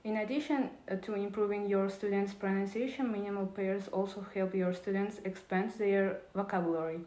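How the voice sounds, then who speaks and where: Woman reading a lesson, mellow voice. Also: mid-range voice, fairly even intonation, a little fast, echoey room, rough recording. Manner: careful reading with small restarts. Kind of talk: reading a prepared presentation.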